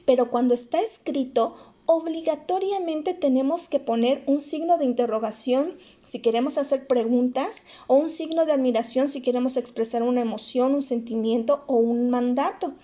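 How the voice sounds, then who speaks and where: A woman's voice: high-pitched, normal speed, mellow. A woman teaching a remote lesson to young schoolchildren, explaining each step patiently and calling them sweetheart. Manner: affectionate, addresses pupils as "corazones".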